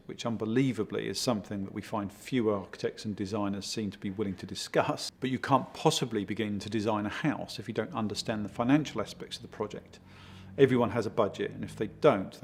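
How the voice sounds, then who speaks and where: A man working as a project consultant, giving steady, explanatory interview answers and leaning on key words. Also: fairly low pitch, husky. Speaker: project consultant for a home design firm.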